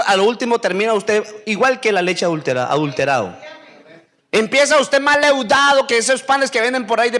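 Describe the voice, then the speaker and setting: A man, a pastor preaching a sermon, asking the congregation questions and stretching out the answers. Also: a bit bright. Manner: call-and-response questioning, drawn-out answers; acts out whiny voices in a high squeak.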